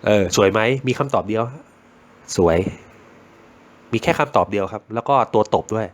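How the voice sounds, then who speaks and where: A man's voice: fairly low pitch, fast. A middle-aged man who runs a knife shop chats casually about a knife, joking, rambling and swearing freely. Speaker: knife shop owner reviewing knives. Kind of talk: casual product chat.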